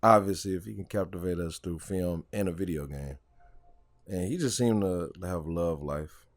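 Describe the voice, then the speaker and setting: A man's voice: low voice, normal speed. A man co-hosting a casual podcast who reacts to the others and asks questions. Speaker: podcast co-host. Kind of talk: casual chat.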